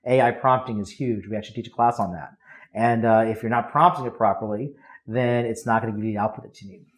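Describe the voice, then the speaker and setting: A copywriter appears as a podcast guest, explaining his methods in casual, high-energy interview talk at a quick pace.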